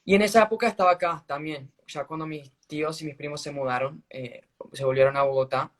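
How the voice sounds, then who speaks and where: A man giving a casual faith testimony on a live stream, earnest and halting, restarting his sentences often. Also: a little high, steady tone. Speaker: guest sharing a faith testimony. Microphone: phone on a live video stream.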